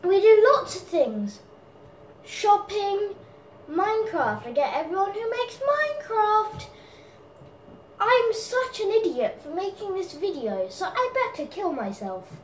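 A woman's voice: very high voice, sing-song, measured pace, recorded from a distance, a little hiss or hum, voice pushed up, full character voice. A woman putting on a chirpy, sing-song voice for a young YouTuber's channel intro. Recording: echoey room, from off mic.

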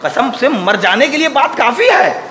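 A man with an Indian Urdu accent delivering a Muharram majlis sermon in a mosque, asking rhetorical questions and moving between soft passages and shouted peaks. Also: very high voice, sing-song, moderate pace, a little hiss or hum. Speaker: Shia preacher. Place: mosque hall. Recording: echoey hall with long reverb.

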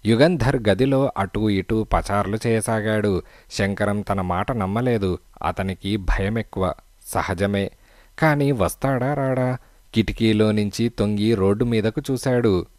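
A man narrating a detective story audiobook in a steady, measured reading. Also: on the low side, no echo, clean studio sound.

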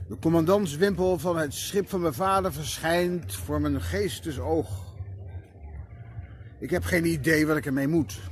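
A man reading a prose text aloud at a reading circle, slow and measured. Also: a little high, slight background noise. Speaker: prose reader.

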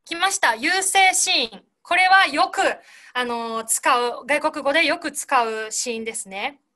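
A woman teaching singers in an online class, explaining gently and demonstrating breath and consonant sounds over a video call. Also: high-pitched, unhurried. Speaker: singing teacher.

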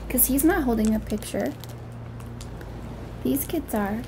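With a fairly high voice and a slightly slow pace, a young adult woman reads a picture book aloud, talking about the pictures and wondering aloud with easy questions for small children. It's a home recording from a small indoor room, with audible background noise.

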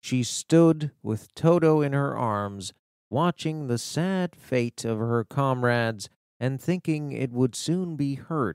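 This audiobook reader, a man, reads a children's fantasy tale aloud in a smooth, medium-pitched voice. He tells it slowly and with animation, captured in a dry, clean studio recording.

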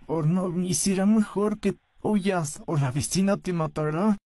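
A performer voicing a gentle, soft-spoken male puppet in a fan dub, talking in a slow, soothing way. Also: medium pitch, no echo, clean studio sound, natural voice.

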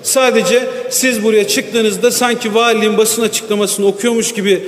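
A fairly high-voiced man addresses the floor from a lectern microphone in a large assembly hall. His words bounce around the chamber with a long, roomy reverb trailing each phrase. He pushes back against accusations, making each point in turn. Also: fairly even intonation, moderate pace. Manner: defensive, rebutting accusations point by point. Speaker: member of parliament. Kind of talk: parliamentary floor speech. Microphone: lectern microphone at the rostrum.

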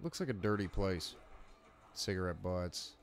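A young man with a fairly low voice riffs through a horror movie commentary with a friend. He talks crude and loose, cracking jokes and laughing at his own lines. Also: measured pace, soft background music. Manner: crude, joking, laughs often. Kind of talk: casual movie commentary chat.

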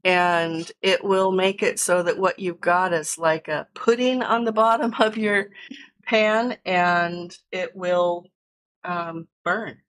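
A woman's voice: on the low side, steady tone, takes it slowly, fairly bright tone, slight background noise. An American woman hosting a casual cooking livestream from her home kitchen, chatting and explaining each step as she cooks. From United States. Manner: chatty, explains steps while cooking and answers chat. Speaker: cooking stream host.

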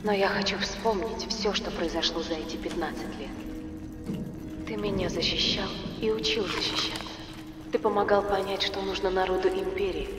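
A woman's voice: mid-range voice, steady tone, moderate pace, music in the background, lightly acted. A woman voicing an earnest young empress, solemn and reflective, in a video game. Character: earnest young empress confiding in her father. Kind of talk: scripted video game voice acting. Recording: echoey hall, noisy background.

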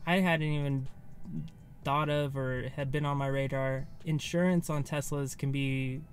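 Faint ambient noise fills the background as an American vlogger in his thirties recaps things to camera from his car, casual and unplanned, as if thinking aloud. He speaks in a mid-range voice at a measured pace, with fairly even intonation.

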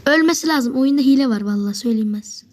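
This gamer talks fast in a high voice while commentating her live play. She gets worked up, curses at and addresses opponents often, and at times her voice falls to a whisper.

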